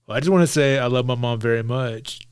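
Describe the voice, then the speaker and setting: A man's voice: medium pitch, fast talker, clear, resonant tone, no room sound, clean studio sound. A man co-hosting a casual podcast, teasing and joking as he interjects in the banter. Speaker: podcast co-host.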